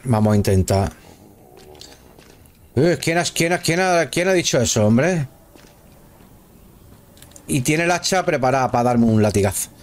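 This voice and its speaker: A man's voice: mid-range voice, animated, a little slow, pauses often. A man giving casual live commentary while playing a video game, chatting with viewers and exclaiming at the action. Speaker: gameplay streamer.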